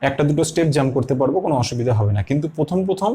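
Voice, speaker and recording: A man with a Bengali accent teaching maths, patiently explaining each step slowly and repeating himself, asking questions and then answering them. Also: on the high side, lively intonation, dark tone. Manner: asks and answers his own questions.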